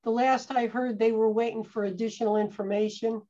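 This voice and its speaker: Speaking a little fast in a mellow, slightly high voice with fairly even intonation, a woman who leads a town parks department fields questions during a casual meeting discussion. She joins by video call from her home office and restarts some sentences hesitantly, over dull-sounding audio.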